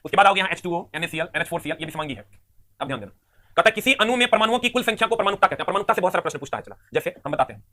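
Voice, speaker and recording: A man with a high, bright voice races through a live online chemistry class. He drills each definition again and again and counts atoms aloud at a brisk, forceful clip. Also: lively intonation. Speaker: teacher.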